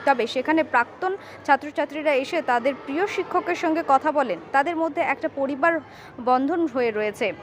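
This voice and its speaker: Woman reporter reading scripted news, pretty high voice, bit of noise behind. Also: fairly quick.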